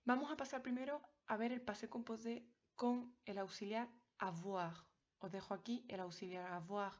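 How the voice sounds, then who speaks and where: A woman walks her students through a grammar lesson, clear and patient, often checking they follow. Her voice sits at a middle pitch. The recording sounds a little dull and lo-fi. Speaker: French teacher. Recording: slightly dull lo-fi audio.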